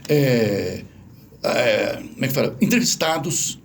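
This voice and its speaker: A man's voice: mid-range voice, unhurried, vocal fry, a little hiss or hum. A man with a Brazilian accent, a language professor explaining things patiently in an interview. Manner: didactic, animated, spells out examples.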